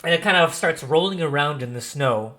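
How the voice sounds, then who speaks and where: Speaking a little fast with lively intonation, a man with a slightly high, bright voice leads a tabletop fantasy session. Background music plays as he makes up the narration on the spot, circling back to repeat and rephrase.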